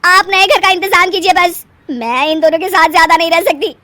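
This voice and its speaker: A woman voicing a spoiled, quarrelsome young wife who complains loudly and tearfully in a storybook tale. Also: animated, a little fast, dry recording. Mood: tearful demanding. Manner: shrill, loud, tearful complaining. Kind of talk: storybook voice acting.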